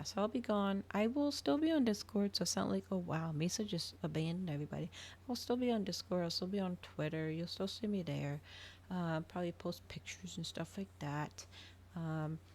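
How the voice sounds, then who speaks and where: A woman livestreamer chats casually to her viewers, rambling and thinking aloud as she goes. Her voice is medium-pitched and a little mellow.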